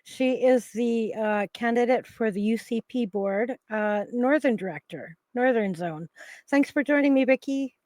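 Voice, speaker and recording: A woman's voice: a little high, a little slow, a little mellow, no room sound. A woman hosting a casual interview, friendly and a little hesitant with fillers. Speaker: host.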